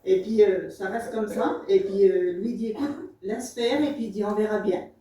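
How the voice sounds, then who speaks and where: A woman's voice: medium pitch, moderate pace, dark tone. A woman giving a spoken church testimony, telling her story with emotion and many fillers. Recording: echoey room, far from the mic.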